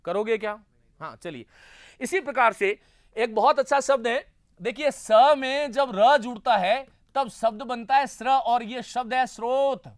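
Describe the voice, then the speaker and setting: A man's voice: very high voice, unhurried, no room sound, clean studio sound. A man teaching Hindi grammar in a lecture, drilling students with repeated questions and earnest appeals. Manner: earnest, exhorting. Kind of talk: classroom lecture.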